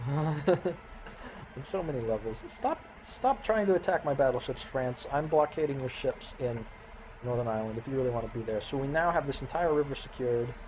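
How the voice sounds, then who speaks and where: A man's voice: medium pitch, moderate pace, a little mellow, highs cut off, a little hiss or hum. A man casually commentating his own strategy game session, chuckling and talking to his units as he plays. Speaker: gameplay commentator.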